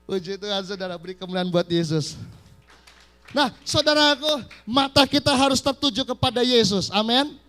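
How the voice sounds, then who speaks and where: High-voiced emphatic male pastor preaching. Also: expressive, moderate pace, fairly bright tone. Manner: emphatic, keeps addressing the congregation as brothers and sisters; acts out quoted voices. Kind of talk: live church sermon. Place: church service.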